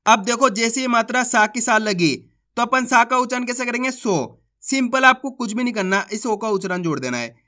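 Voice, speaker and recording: A man with a high, ringing voice leads a beginners' reading lesson. He stretches out each syllable before blending the sounds into words, and keeps pausing to check that his listeners follow along. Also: lively intonation, pushed and bright. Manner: patient, drawn-out syllable-by-syllable reading with frequent check-ins. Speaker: Hindi reading teacher. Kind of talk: online literacy lesson.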